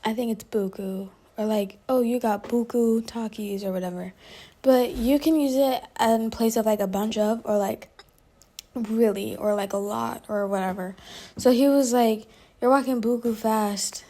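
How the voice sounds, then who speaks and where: A young adult woman telling a story to her viewers in a casual, animated vlog, laughing often and filling her speech with "like". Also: a little high, a little slow. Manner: animated, chatty, laughs often, heavy use of "like". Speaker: vlogger.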